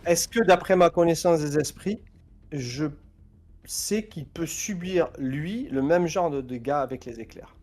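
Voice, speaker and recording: Guy at the game table talking through his moves, voice a bit on the high side, casual. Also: a little slow, darkish tone. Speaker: player in a tabletop role-playing game.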